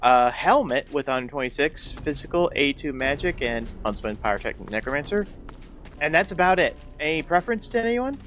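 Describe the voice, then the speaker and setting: A man's voice: on the high side, animated, fairly quick, fairly bright tone, slight background noise. A man in casual conversation while playing a video game with others. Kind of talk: casual gameplay chat.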